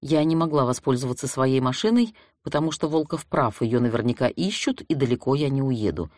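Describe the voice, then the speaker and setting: Audiobook narrator, first-person detective story, wry lively delivery, middling pitch, dry close recording. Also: a little fast, dry recording.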